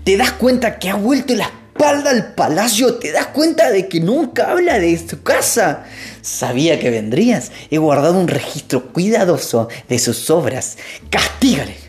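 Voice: medium pitch, sing-song, normal speed, voice pushed up, close to an everyday voice. A storyteller voicing a self-righteous, fault-finding brother who talks in an eager, wheedling tone.

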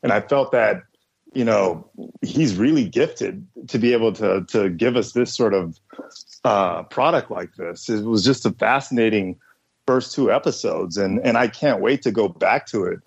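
A man chatting casually as a podcast panelist, excitable and swearing freely. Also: fairly low pitch, normal speed, gravelly, breathy edge. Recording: slightly dull audio.

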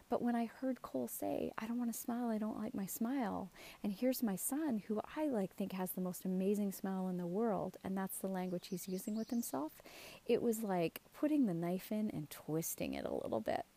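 A woman's voice: medium pitch, normal speed, creaky, warm tone. A middle-aged woman giving a casual, earnest motivational talk as a coach, speaking out of the side of her mouth and checking in with emphatic questions. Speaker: self-esteem coach hosting a show.

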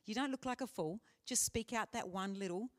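Answering questions in a conference hall during a live teaching session, this woman speaker is earnest and conversational, leaning on frequent fillers. She has a mid-range voice and a brisk pace.

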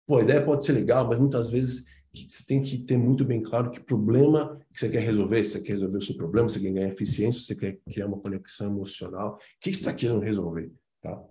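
A man's voice: on the low side, fast talker, few pauses, warm tone, echoey room. A man giving an informal business presentation to a committee, talking loosely with lots of fillers and slangy interjections.

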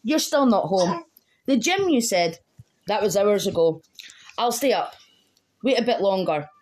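A woman reads her own verse in a mid-range voice, keeping a steady rhythm with a dry, wry edge. A faint hiss of background noise and small clicks sit under the recording. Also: medium pitch, a little slow. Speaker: guest poet. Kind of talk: reading her own poem aloud.

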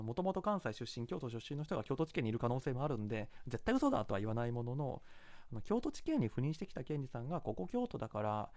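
Fast, lively speaker from Kansai. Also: medium pitch, dry recording. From Kansai, Japan. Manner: analytical, hedging, digressive asides. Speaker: channel host reviewing a film. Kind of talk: casual solo commentary.

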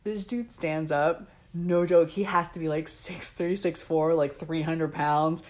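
Animated, swearing young woman storyteller. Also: low voice, measured pace. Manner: animated, swears freely, acts out quotes. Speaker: podcast co-host. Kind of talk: casual storytelling chat.

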